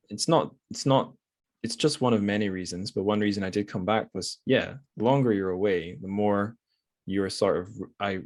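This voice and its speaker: On a clean studio recording with no echo, a podcast host from Scotland speaks in a lowish voice. His book talk is relaxed and thoughtful, wandering along with wry humor and frequent self-corrections.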